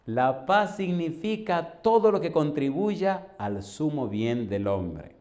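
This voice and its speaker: A Dominican pastor in his fifties preaching with lively, colloquial storytelling. He talks to the congregation like old friends and breaks into laughter often. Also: fairly high pitch, takes it slowly. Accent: Dominican Spanish. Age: 50s. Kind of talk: storytelling sermon.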